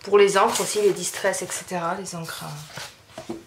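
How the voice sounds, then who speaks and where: A woman's voice: lowish voice, fairly even intonation, moderate pace, noisy background. A French woman chatting casually through an art-supply haul video, rambling with many fillers and restarts. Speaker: craft youtuber showing art supplies.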